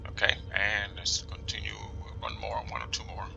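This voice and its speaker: Playing a flight sim, a man with a New Jersey accent muses aloud in casual commentary, reading instructions slowly and often dropping to a whisper. His low voice is very animated, with vocal fry and a pushed, bright quality. The audio has its highs cut off and a little hiss or hum.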